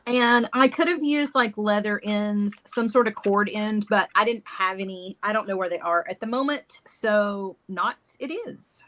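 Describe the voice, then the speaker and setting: Brief: woman guest, bright forceful voice, friendly step-by-step crafting talk. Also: medium pitch, a little slow, few pauses. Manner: friendly, explains steps while working. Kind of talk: casual demo chat. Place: southern United States.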